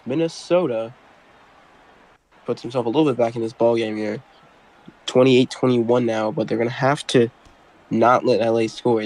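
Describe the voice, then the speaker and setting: A man's voice: medium pitch, a little mellow, low-quality recording. A man doing casual amateur play-by-play football commentary, rambling and correcting himself as he goes. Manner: rambling, self-correcting, apologetic while multitasking.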